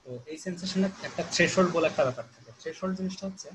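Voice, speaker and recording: A man giving a medical lecture in a slow, explaining manner, with terms spoken. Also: sits high, noisy background. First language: Bengali. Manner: explains terms slowly, mixing in English phrases.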